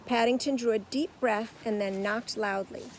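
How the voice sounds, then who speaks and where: A woman narrating a storybook aloud in a lively, expressive way. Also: a little high, normal speed, a little hiss or hum, poor audio.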